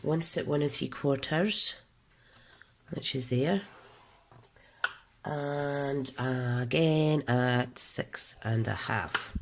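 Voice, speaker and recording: Very slow with long pauses, her rumbling low voice comes through over slight background noise. The British woman is giving a casual papercraft tutorial, congested and coughing, chatting and pausing to self-correct and explain as she works.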